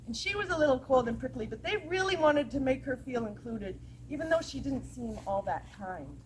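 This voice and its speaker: A woman telling a story to a camp audience in an animated, laughing, playful way. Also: sits high, brisk, slight background noise, rough recording. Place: camp chapel gathering with audience.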